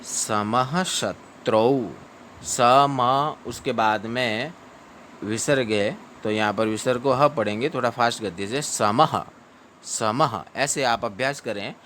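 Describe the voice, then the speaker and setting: A man teaching Sanskrit verse pronunciation, stretching each syllable out slowly between brisk explanations. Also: medium pitch, fairly bright tone, slight background noise. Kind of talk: patient pronunciation lesson.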